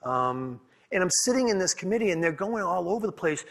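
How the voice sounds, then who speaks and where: This conference speaker is a Boston-accented man from New England, presenting in a conference room with a candid, storytelling style full of repeated and restarted words. He speaks brisk and sing-song in a high, fairly bright voice with vocal fry.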